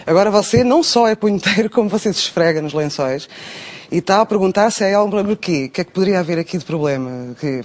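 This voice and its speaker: Comic radio agony aunt, played by a man: brash, theatrical, European Portuguese accent, voice set high. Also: expressive, fast. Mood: mocking. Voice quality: blunt, mocking, theatrical. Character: brash middle-aged agony aunt woman. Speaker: radio advice host.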